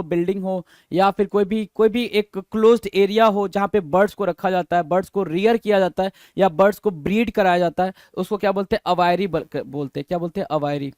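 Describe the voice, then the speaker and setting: A man with a high voice teaching English vocabulary in an exam-prep lesson. He reads definitions slowly, explains them, and drills the answers, firing questions back at the listener and spelling each word letter by letter. The recording is dry and close, with no room sound. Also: no echo. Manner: quizzes students with repeated questions, spells words letter by letter.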